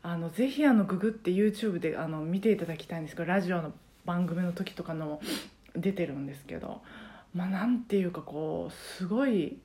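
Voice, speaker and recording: Woman, Kansai accent, mellow warm tone, casual solo podcast chat, lots of fillers. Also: lowish voice, brisk. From Japan. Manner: chatty, many fillers, rambling. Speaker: karaoke teacher and podcast host.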